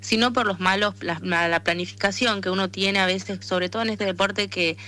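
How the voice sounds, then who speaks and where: Speaking in a Tucumán accent from northern Argentina, this woman is an arm wrestler and association president being interviewed as an athlete on conversational radio. Her medium-pitched voice holds a steady tone at a moderate pace, sounding pushed and bright.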